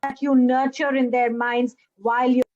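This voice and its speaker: High-voiced woman, muffled and distant. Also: flat delivery, normal speed, darkish tone. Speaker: guest speaking for a co-host. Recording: muffled, distant call audio.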